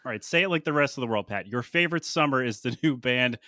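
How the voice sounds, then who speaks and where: A man's voice: mid-range voice, expressive, fast talker, sharp tone, no room sound, clean studio sound. A man hosting a podcast interview, casual and teasing, laughing often. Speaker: podcast host.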